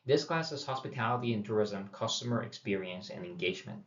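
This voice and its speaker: A man's voice: fairly low pitch, fast talker. A middle-aged man from Puerto Rico introducing a university course, talking casually with many fillers and restarts. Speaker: university instructor. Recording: dull roomy audio from a distance.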